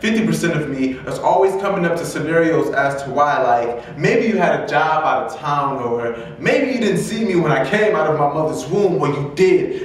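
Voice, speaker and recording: A young man from Detroit reciting confessional spoken word poetry in an earnest, measured, dramatic way. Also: a little high. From Detroit, United States. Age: young adult. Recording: roomy echo, distant mic, faint noise.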